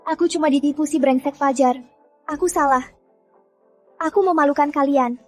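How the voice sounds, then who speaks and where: A woman's voice: high voice, moderate pace, faint music behind, close to an everyday voice. A woman dubbing a spoiled, scheming young woman who stammers defensively when cornered. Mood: resentful. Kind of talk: dubbed drama acting.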